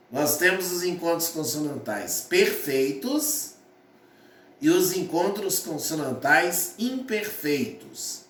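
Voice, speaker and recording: A male teacher explains sounds slowly and patiently, repeating himself and spelling out syllables. His voice is fairly high and swoops up and down a lot. He stands a little back from the mic in an echoey room. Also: fairly bright tone, recorded from a distance. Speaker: Portuguese teacher. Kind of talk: classroom lesson explaining phonetics.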